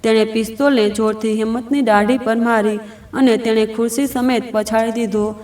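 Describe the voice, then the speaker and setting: High-voiced woman telling a dramatic story. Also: fairly even intonation, moderate pace, darkish tone, echoey room, far from the mic. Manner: dramatic, emotional reading. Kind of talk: scripted story narration.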